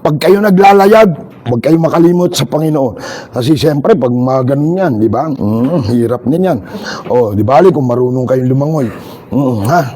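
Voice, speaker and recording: A man giving an energetic, joking seminar talk to overseas workers, calling out to listeners and leading shouted chants. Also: mid-range voice, moderate pace.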